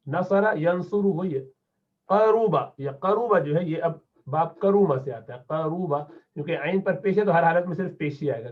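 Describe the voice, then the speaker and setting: A man gives a classroom-style Arabic lesson, a touch higher than most men. He repeats each word slowly and patiently for his learners. The sound is thin and tinny, like a phone line. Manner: patient, repeats words slowly to drill pronunciation. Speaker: Arabic teacher.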